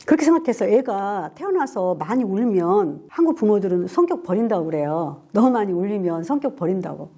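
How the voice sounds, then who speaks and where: Korean woman telling a story, voice swoops up and down a lot, talks right to the listener. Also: mid-range voice. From South Korea. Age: older. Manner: lively, animated storytelling with asides to the listener. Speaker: parenting lecturer. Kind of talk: storytelling talk to camera.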